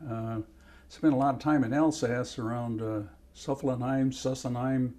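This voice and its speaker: An elderly man, a war veteran, recalling in a halting oral history interview, often pausing to search for names and places. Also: mid-range voice, steady tone, mellow. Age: older. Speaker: World War Two veteran.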